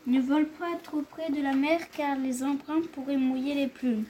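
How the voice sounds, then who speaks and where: A woman's voice: high voice, little pitch movement, normal speed, dark tone, slight background noise, lightly acted. A woman voicing a clever, determined father and inventor in a storybook reading, giving urgent instructions. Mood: urging.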